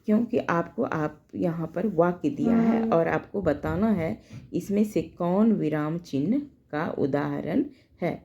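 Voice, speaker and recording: A woman teaching grammar, slowly walking through each quiz question and repeating key points. Her voice sits fairly low and has a gravelly, creaky texture. Her tone is dark and mellow, and she speaks at a very slow pace. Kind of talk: Hindi grammar lesson.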